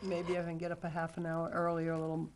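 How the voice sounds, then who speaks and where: Woman board member, slightly low voice, brief agreeable replies, noisy meeting recording. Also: completely flat delivery, fast talker. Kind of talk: casual meeting discussion. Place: town meeting room. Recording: clear background noise, broadcast meeting.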